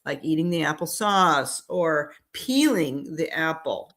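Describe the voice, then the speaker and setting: A woman's voice: deep voice, lively intonation, a little slow, a bit bright. A woman co-hosting a casual nutrition podcast, chatty, trailing off with fillers and laughing often. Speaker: podcast co-host.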